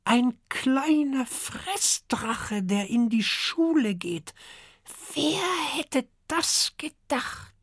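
A man voicing an ancient, curious female giant turtle with a hoarse, croaky voice in a children's audiobook. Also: very high-pitched, lively intonation, a bit bright, dry recording, clean studio sound, voice pushed up, full character voice. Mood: wondering. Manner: slow, murmuring old-lady voice.

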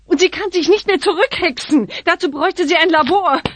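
A woman's voice: very high-pitched, fairly quick, noisy background. A middle-aged woman voicing an anxious, bossy witch mother in a children's radio play. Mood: hurried. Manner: fretful and bossy, chants spells.

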